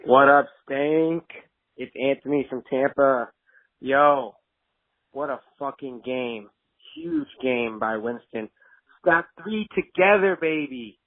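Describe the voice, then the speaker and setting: A man leaving an excited, casual voicemail for a podcast host, full of slang and swearing. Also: medium pitch, slow. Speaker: caller. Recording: dry tinny phone line.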